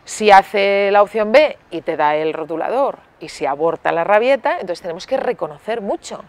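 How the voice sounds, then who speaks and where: A woman pediatrician explaining parenting in an interview, lively and acting out parent and child exchanges, often checking in with "¿vale?". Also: medium pitch, moderate pace. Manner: lively, acts out parent and child dialogue in storytelling; uses many filler tags like "¿vale?".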